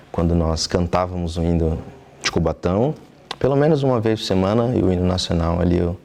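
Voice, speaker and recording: A young man from southeastern Brazil with a Brazilian Portuguese accent, answering interview questions earnestly in a TV studio, pausing often with fillers. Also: deep voice, gravelly, a little mellow. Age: young adult. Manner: earnest, thoughtful, with frequent hesitation fillers. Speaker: interview guest, trumpeter.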